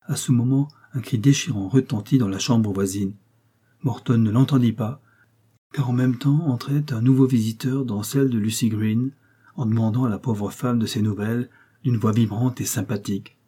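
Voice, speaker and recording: Husky, dark-voiced male narrator. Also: medium pitch, steady tone, moderate pace. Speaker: audiobook narrator. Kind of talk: literary audiobook narration.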